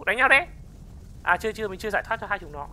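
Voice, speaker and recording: An excitable game commentator, calling out the action and yelling wow. Words come in repeated bursts. There is steady noise clearly audible in the background. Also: mid-range voice, rapid-fire. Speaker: gaming channel host.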